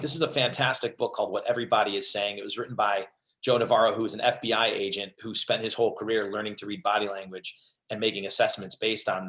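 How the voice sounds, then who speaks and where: A man's voice: fairly low pitch, sharp tone. A man in his thirties giving an upbeat, conversational webinar presentation on leadership, with frequent fillers.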